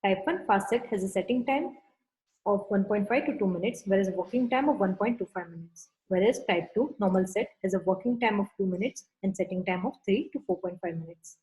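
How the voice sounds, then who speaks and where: Woman, dental lecturer, mellow tone, methodical, step-by-step teaching. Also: mid-range voice, brisk, rough recording. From India. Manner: methodical, listing classifications step by step. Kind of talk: instructional lecture.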